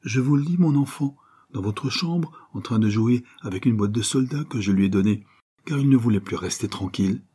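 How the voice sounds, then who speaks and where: A man reading an audiobook, voicing a voluble, kindly older woman who runs a boarding house, gushing and effusive with breathy asides. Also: mid-range voice, normal speed, warm tone, natural voice. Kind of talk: audiobook character voice.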